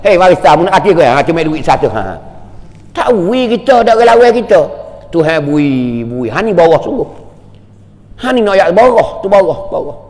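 Brief: man, preacher giving an emphatic, repetitive sermon, high-pitched, long hall reverb. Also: big pitch swings, moderate pace, darkish tone. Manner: emphatic, repetitive, rhetorical questions. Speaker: religious teacher.

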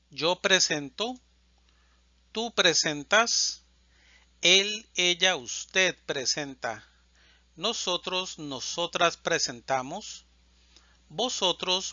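A man teaching Spanish, reciting verb conjugations in a slow, deliberate drill and stressing each verb form. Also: on the high side, bright, forceful tone, no echo, muffled recording.

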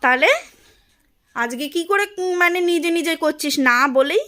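A woman's voice: very high voice, unhurried, a bit bright. A middle-aged woman from West Bengal, India, vlogging at home in a casual domestic style and venting her complaints at length in an aggrieved tone. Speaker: vlogger and housewife.

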